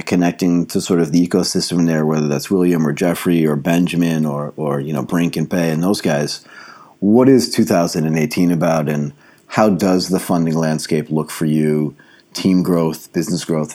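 A man's voice: deep voice, mellow. A man hosting a conversational interview, asking wordy questions that come in several parts. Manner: wordy, multi-part questions. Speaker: interviewer, host.

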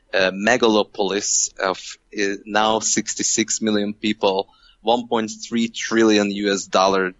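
A man from Hungary, a guest on a podcast interview, speaking in a measured way with many fillers and restarts. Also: on the low side, a bit bright, no echo, lo-fi sound. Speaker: guest, venture co-founder.

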